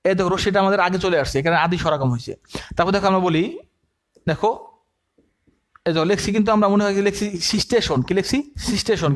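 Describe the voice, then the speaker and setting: Quick high-voiced guy giving a coaching class, keeps quizzing students and answering himself. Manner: asks the class questions and answers them himself, repeats key terms; uses everyday comparisons to explain. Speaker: admission coaching teacher. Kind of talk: online lecture, dictating notes to students.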